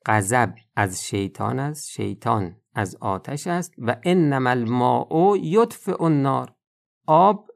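A man's voice: mid-range voice, gravelly. A man giving a podcast sermon, reciting Arabic traditions and then explaining them in casual speech, asking himself questions and answering them. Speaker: religious lecturer.

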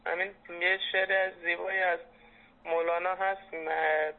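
A young man in his twenties speaks over a landline phone, his fairly high voice gravelly and held to a narrow, even pitch. He talks in an earnest, reflective way. The sound is thin and tinny, as a phone line makes it. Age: 20s. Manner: reflective, earnest, recites poetry. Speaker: caller. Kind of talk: phone conversation.

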